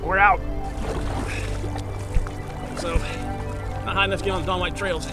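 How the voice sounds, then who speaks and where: A man narrating casually from his kayak on a flooded river, explaining paddling tips in a relaxed way, recorded outdoors on a boat-mounted action camera. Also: high-pitched, normal speed. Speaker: kayaking vlogger. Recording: loud ambient music under the voice.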